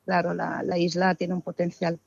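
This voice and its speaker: A woman's voice: on the low side, normal speed, vocal fry, husky, no echo. Woman, dry and muffled. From Italy. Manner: expressive, with frequent hesitations. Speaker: guest, arts festival founder. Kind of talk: interview answers.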